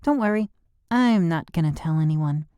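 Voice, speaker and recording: An audiobook narrator voicing a lively, blunt teenage girl who exclaims and teases. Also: mid-range voice, normal speed, clear, resonant tone, no echo, clean studio sound, voice pushed up, close to an everyday voice. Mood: earnest. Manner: bubbly, exclaiming.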